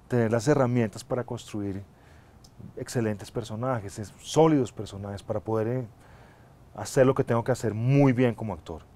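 A middle-aged man with an average-pitched voice speaks as a guest in a TV studio interview. He answers at length in a thoughtful, measured and earnest way, picked up by a lapel mic. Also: darkish tone. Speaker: actor guest. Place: TV studio set, seated in armchair.

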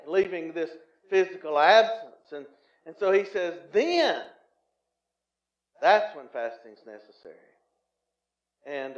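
A male pastor preaching a sermon in a folksy, storytelling way, often restarting with fillers and swelling louder for emphasis. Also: fairly high pitch. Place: church sanctuary. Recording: roomy, slightly dull church recording.

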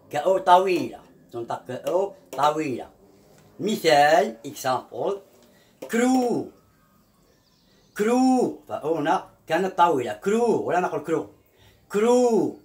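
A man teaching an English pronunciation lesson. He repeats each example word several times and draws out the sounds. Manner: pitch jumps up on example words and drops for explanations. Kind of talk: slow explanatory language lesson.

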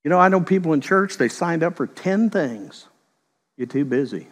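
In a room with a big, open sound, a middle-aged pastor delivers an animated sermon in a slightly high voice. He tells his stories like a conversation, breaking into brief voiced quotations along the way.

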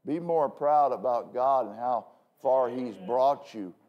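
A male pastor preaching a sermon from the pulpit in a conversational way, full of self-deprecating asides and quick "okay?" checks with the congregation. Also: medium pitch, highs cut off. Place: church pulpit.

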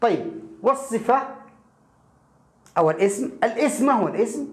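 A man teaching a lesson with an explanatory, animated delivery and frequent rhetorical questions. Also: extremely high pitch, a little fast. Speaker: English teacher. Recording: echoey room.

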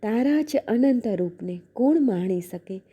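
A woman reading a devotional scripture aloud in a soft, measured recitation, slowing to chant the verses. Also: on the high side, lively intonation, slightly rough, highs cut off. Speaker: devotional reader.

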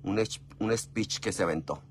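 A man's voice: normal speed, a little hiss or hum. Chatty Mexican man telling a story. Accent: Mexican Spanish. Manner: chatty and gossipy, often calls the listener "mi amor"; expressive, with big jumps in pitch and volume. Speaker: vlogger. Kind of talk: casual storytelling chat.

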